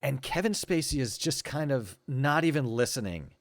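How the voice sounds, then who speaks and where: A man's voice: medium pitch, expressive, moderate pace, dry recording, studio quality. A man in his forties, a podcast guest, talking with enthusiasm and many stammering restarts in casual conversation.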